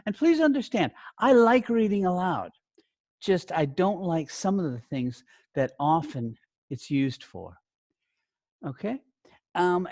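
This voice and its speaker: Instructing learner teachers, a male teacher trainer breaks his guidance into short, deliberate phrases at a slow pace, his pitch shifting a lot for emphasis and for quick check-in questions. His tone is darkish, and the recording is close and dry with no echo.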